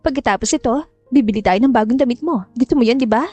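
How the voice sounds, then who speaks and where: A woman's voice: a little high, quick pace, mellow, muffled recording, soft background music, lightly acted. A woman voicing a cold, manipulative mother who gives curt orders and coaxes her daughter. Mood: coaxing commands. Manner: curt, commanding, coaxing. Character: cold, scheming, chain-smoking mother.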